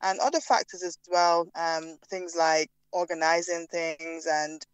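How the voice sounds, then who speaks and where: Jamaican woman with a smooth, crisp voice. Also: fairly low pitch, steady tone, a little slow, no room sound, poor audio. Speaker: podcast guest. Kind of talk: casual interview.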